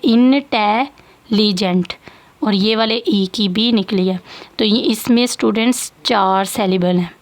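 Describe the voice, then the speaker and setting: Slow, patient woman teacher with tinged speech. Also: fairly high pitch. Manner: patient, repeats points, checks in with "theek hai". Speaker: English teacher. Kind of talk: slow classroom explanation of grammar.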